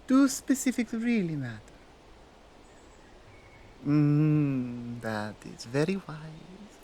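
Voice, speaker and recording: A woman with a Nordic accent playing a dominant, stern yet coaxing Krampus in a slow, deliberate ASMR roleplay. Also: low voice, big pitch swings, warm tone, a little hiss or hum, full character voice. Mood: firm, measured, then musing, superior. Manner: deliberate, commanding, halting non-native phrasing.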